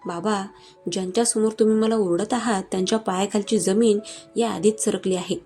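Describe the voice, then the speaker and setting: A woman giving voice to a defiant young heroine in a storybook romance, fierce and cutting. The voice is warm and mellow, with soft music faintly underneath. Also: mid-range voice, fairly even intonation, brisk, lightly acted.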